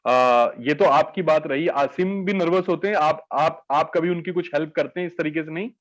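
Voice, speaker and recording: A man's voice: a little high, steady tone, normal speed, highs cut off. A man hosting an entertainment interview, asking formal, flowery questions with many "uh" fillers.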